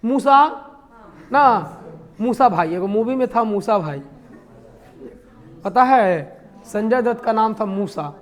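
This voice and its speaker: A man's voice: high voice, expressive, slow pace, long pauses. A man teaches a math lesson. He keeps quizzing the class and then answers his own questions, with light jokes along the way. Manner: asks the class questions and answers them himself, with jokes in between. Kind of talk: classroom lecture.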